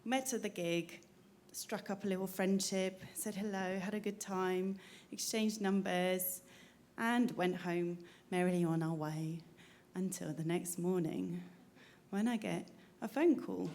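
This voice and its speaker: A woman's voice: on the low side, unhurried, darkish tone, slight background noise. A woman violinist chatting to a live audience on a cruise ship stage, telling a story between pieces through a stage mic.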